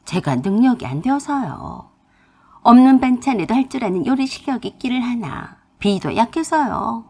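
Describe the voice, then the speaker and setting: A woman narrating a family story in the first person, in a confiding, expressive storytelling manner. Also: fairly high pitch, slightly rough.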